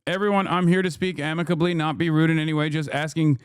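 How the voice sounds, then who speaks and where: A man's voice: on the high side, flat delivery, fast talker, smooth, dry recording, studio quality. A man doing heated live-stream commentary, blunt and profane as he argues with his chat. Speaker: streamer reacting to clips.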